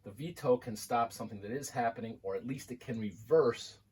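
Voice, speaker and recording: A college math instructor giving a lecture, working through examples on a board in a conversational, explanatory way. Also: male voice, mid-range voice, brisk, darkish tone, husky, low-quality recording.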